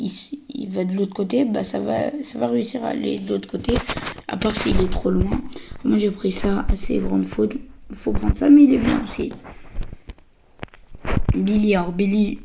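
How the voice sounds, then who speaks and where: Croaky, hesitant woman giving game tips. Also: mid-range voice, dark tone, slight background noise. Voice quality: slightly croaky voice. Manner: hesitant, stammering, many fillers. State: a little sick and tired. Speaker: gaming channel host. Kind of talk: casual gameplay tips.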